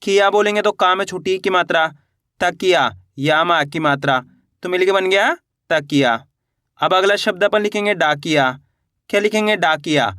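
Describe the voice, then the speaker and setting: A man teaching beginners to read and spell, sounding words out slowly syllable by syllable and quizzing his viewers with encouragement. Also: high voice, sharp tone, no echo, studio quality. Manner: encouraging, addresses viewers as friends. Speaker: Hindi teacher.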